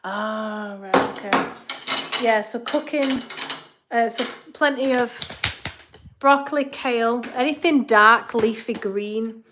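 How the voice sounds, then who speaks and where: The recording is very noisy, and the woman speaks slowly in a slightly high voice with an English accent. A fitness coach, she's chatting casually through a live Q&A stream from her home kitchen, rambling with asides as she cooks.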